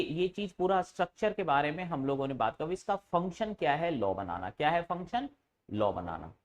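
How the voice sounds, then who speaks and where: A man teaches a class, his voice rising and falling a lot as he fires questions at the students and answers them himself. He stays informal with the class and teases them at times. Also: fairly high pitch. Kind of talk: classroom lecture.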